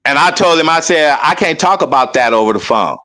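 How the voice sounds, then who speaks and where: A man in casual conversation, telling a rambling story and mimicking other people loudly as he goes. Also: a little high, animated, a little fast. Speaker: guest.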